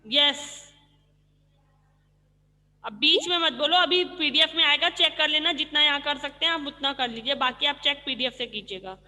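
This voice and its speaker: Bright-voiced woman teacher, echoing room. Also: sits high, moderate pace. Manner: explains patiently, asks questions and answers them herself. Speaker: school teacher. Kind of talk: online class lesson explaining vocabulary.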